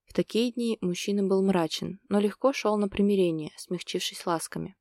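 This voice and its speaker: A woman narrating a romance novel as an audiobook, telling it in an even, steady way. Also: mid-range voice, normal speed, dry recording, studio quality.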